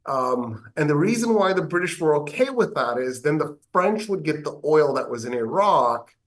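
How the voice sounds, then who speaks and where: An American man, a government professor, explaining history in an interview with animated delivery and wry asides. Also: medium pitch.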